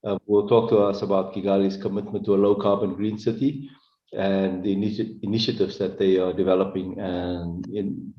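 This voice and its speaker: A man from South Africa moderating a panel, relaxed, introducing speakers with some fillers. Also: low voice, reverberant, lo-fi sound.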